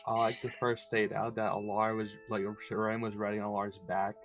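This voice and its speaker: A man's voice: fairly low pitch, little pitch movement, normal speed, soft background music. A man playing a tabletop game, describing his character's actions in a loose, rambling way. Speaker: player.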